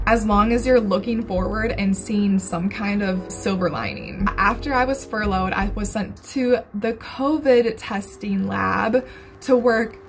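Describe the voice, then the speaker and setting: A woman in her twenties talking to camera in a candid, chatty way, swearing casually now and then. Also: medium pitch. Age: 20s. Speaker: vlogger. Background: background music.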